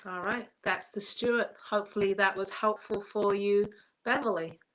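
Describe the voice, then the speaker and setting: A woman's voice: medium pitch, fairly even intonation, normal speed, a bit bright, low-quality recording. A woman hat maker chatting on a live stream, slightly out of breath, talking in a chatty way with laughs between phrases. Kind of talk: casual livestream chat.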